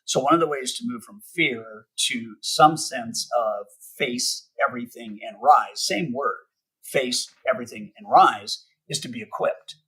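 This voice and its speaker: A middle-aged man giving motivational sales advice as a podcast guest, speaking emphatically and slowing down to stress his key points. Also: mid-range voice, lively intonation, a bit bright, husky, rough recording. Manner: emphatic, spells out acronyms slowly, acts out sample calls. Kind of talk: podcast interview, motivational teaching.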